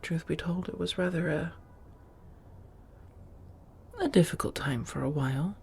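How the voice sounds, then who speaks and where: For a hushed ASMR roleplay, a woman takes on the role of a genteel, loving vampire housemate who has lived for centuries. Her voice is low-pitched, husky, breathy and exaggerated, her phrasing measured and old-fashioned, her mood reflective and genteel.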